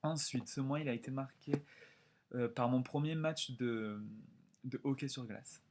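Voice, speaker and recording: A young man in his twenties from France telling a story in a casual vlog, animated and chatty with lots of quoted dialogue. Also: medium pitch, unhurried, background noise. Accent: French. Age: 20s. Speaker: vlogger.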